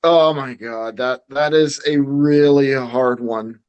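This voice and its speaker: A man's voice: mid-range voice, steady tone, slow, clear, resonant tone, dull audio. A man co-hosting a podcast, talking casually and hesitantly, often restarting his sentences. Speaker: podcast co-host. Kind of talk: casual chat.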